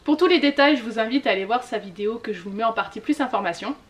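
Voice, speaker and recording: A woman's voice: fairly high pitch, animated, fast talker. A woman presenting her autumn reading list as a video host, listing themes and titles in a casual, chatty way, her voice trailing off at the end of each list. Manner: lists keywords in a trailing tone. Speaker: booktuber.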